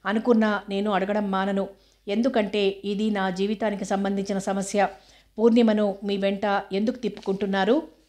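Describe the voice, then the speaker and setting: Hot-tempered, jealous husband, read by a woman narrator; confrontational, low variation. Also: flat delivery, moderate pace, darkish tone, close to an everyday voice. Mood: indignant. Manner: angry, confrontational.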